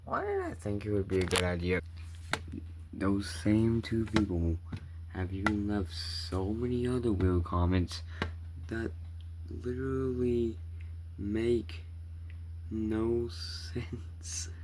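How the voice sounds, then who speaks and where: Low-voiced man, slow disbelieving reading. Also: big pitch swings, background noise. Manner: disbelieving, baffled reading and reacting. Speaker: video creator reacting to viewer messages. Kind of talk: casual reaction commentary, reading messages aloud.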